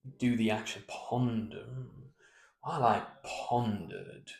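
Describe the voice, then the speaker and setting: Slow-talking male speech coach, roomy sound. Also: lowish voice, steady tone, vocal fry. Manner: breaks into slow, hushed recitation to demonstrate; chanting rhythm syllables to show meter. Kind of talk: teaching verse speaking with read-aloud demos.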